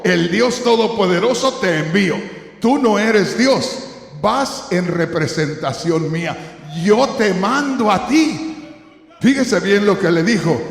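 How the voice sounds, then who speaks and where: High-voiced preacher in an echoey hall. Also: male voice, gravelly. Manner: preaching with rhetorical questions to the congregation. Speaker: pastor. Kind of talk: sermon.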